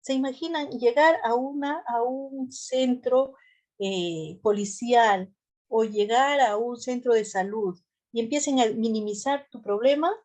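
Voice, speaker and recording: A woman from the central highlands of Peru with an accent from that region, giving a conversational lecture as a health care trainer, with fillers and rhetorical questions. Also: a little slow, darkish tone. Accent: Peruvian central highlands Spanish. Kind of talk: classroom lecture.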